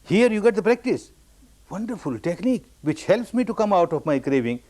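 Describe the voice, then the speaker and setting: A man's voice: sing-song, brisk, a little mellow. Emphatic man teaching meditation. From Burma. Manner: repetitive, emphatic phrasing with sudden high rises on key words. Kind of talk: dharma discourse recounting his own story.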